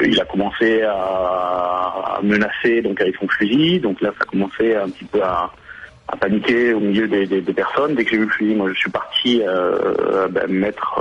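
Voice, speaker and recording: Hesitant, low-voiced man, dull lo-fi line. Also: gravelly, fairly bright tone. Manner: hesitant, halting, stumbling with repeated words. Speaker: eyewitness parent interviewed on radio. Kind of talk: spontaneous eyewitness account. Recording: dull lo-fi radio phone call, faint noise.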